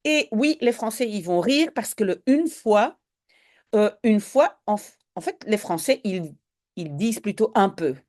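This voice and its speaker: A woman's voice: mid-range voice, lively intonation, unhurried, mellow. A woman with a Belgian French accent, a language teacher patiently explaining a Dutch reading step by step to French speakers.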